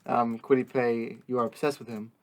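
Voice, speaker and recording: A man co-hosts a casual sports chat in a relaxed, loose manner, ribbing his fellow hosts now and then. His voice sits at a medium pitch. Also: moderate pace, vocal fry. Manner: relaxed, teasing, loosely phrased. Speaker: podcast co-host.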